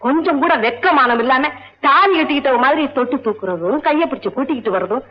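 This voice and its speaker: Bossy, harsh-tongued mother of the house in an old film, taunting and scolding in a very high, piercing voice. The sound is dull and lo-fi, like an old movie soundtrack. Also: lively intonation, quick pace. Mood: mocking.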